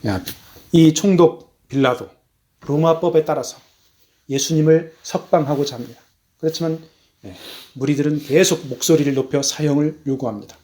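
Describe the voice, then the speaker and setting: A man preaching a sermon as a missionary, emphatic, his voice rising on key words and then falling low, slowing down for stress. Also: dark tone. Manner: measured, slows down for stress.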